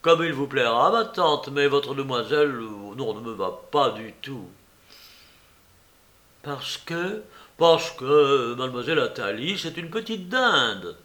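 A man's voice: mid-range voice, animated, slow pace, bright, forceful tone. A man reading a novel aloud, voicing a cheeky, idle young nephew who coaxes his aunt. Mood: evasive. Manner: coaxing, playful, hesitant. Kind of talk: audiobook character reading.

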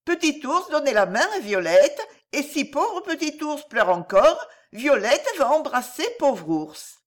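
Woman playing a small lost girl, very high voice, sing-song swoops, childish broken phrases, storybook reading. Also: very animated, measured pace. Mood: pleading tender. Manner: childlike broken baby talk. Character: frightened little girl lost in woods.

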